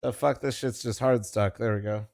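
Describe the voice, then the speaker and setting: A lowish, creaky, darkish voice with fairly even intonation and a moderate pace belongs to this young man co-streaming an esports match. Chatting casually with his viewers, he rambles, curses and needles a friend.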